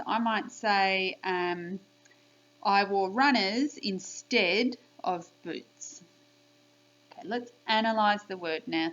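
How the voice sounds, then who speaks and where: Slow, patient woman teacher. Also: mid-range voice. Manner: slow, clear sounding-out of letters and sounds. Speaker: primary school teacher. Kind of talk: children's spelling lesson video. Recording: slightly dull lo-fi sound.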